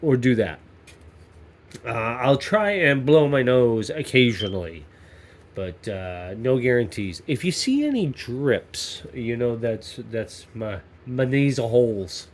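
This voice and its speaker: A YouTube maker-channel host, stuffy-nosed from a cold, rambles and jokes through a vlog from his home workshop, often breaking off mid-sentence. His medium-pitched voice swings widely in pitch, and he takes his time.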